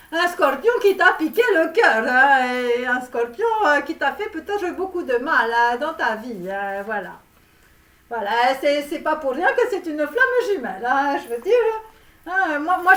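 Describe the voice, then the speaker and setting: A woman's voice: sits high, sharp tone. Woman putting on a pushy Romanian guru coach. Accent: put-on Romanian. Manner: rambling, theatrical, self-promoting. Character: brash female Romanian-American guru coach, pushy and self-important. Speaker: tarot reader and love coach. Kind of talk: comic tarot reading parody. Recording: roomy, distant mic.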